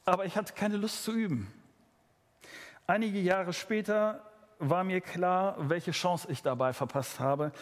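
A man's voice: high-pitched, measured pace, big-room sound. A man preaching a sermon, speaking earnestly and addressing his listeners directly.

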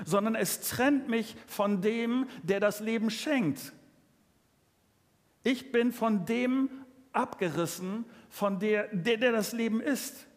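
A man preaching a sermon, earnest and speaking straight to his listeners. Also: fairly high pitch. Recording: long reverb of a large hall.

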